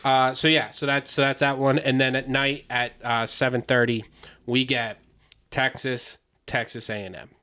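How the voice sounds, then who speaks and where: A man in the middle of a loose sports podcast chat. His pitch sits in a middle range, and he talks in an animated, rambling way full of asides and profanity. He keeps riffing and joking with a co-host. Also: moderate pace, clear, resonant tone.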